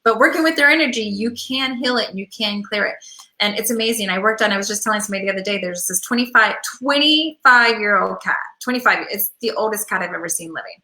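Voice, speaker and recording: A woman's voice: medium pitch, fast talker, bright, forceful tone. A woman hosting a show as a pet healer, chatting casually to viewers and rambling through stories with quoted asides. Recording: echoey room.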